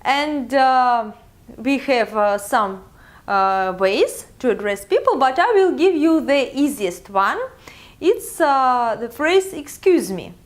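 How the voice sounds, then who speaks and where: A young woman with a Russian accent teaching a beginners' language lesson slowly, with many filler pauses. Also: high voice, sing-song. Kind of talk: slow, careful video lesson.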